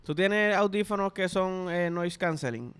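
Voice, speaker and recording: A man's voice: high-pitched, a little slow, fairly bright tone, clean tone. A young man with a Puerto Rican accent, telling loose, profane stories in casual podcast chat. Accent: Puerto Rican Spanish. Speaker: podcast host.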